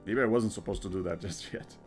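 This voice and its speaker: A man giving casual game commentary, thinking aloud in a halting way and often repeating his words. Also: on the low side, a little mellow. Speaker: gamer narrating a playthrough. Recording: game music behind the voice. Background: video game music.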